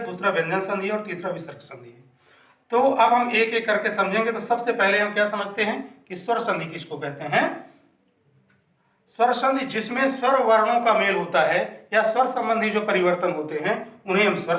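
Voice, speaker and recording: Man, teacher, patient explaining, high-pitched, echoey distant recording. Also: fairly quick, fairly bright tone. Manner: patient, repeats and asks himself questions. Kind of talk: classroom grammar lesson. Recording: echoey room, mic at a distance.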